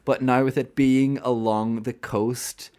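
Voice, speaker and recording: A man's voice: medium pitch, level tone, slow pace, warm tone, clear, resonant tone. A young Irish man with a Donegal accent, chatting casually and a bit hesitantly as a host. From County Donegal, Ireland. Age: young adult. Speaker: podcast host. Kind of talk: casual chat.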